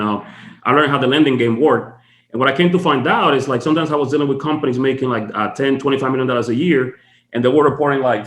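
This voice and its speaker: Male guest from the Dominican Republic, quick and chatty, roomy call audio. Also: medium pitch, a bit bright. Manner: fast, chatty storytelling with many fillers. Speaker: guest, tax strategist. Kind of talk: casual podcast interview. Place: home office.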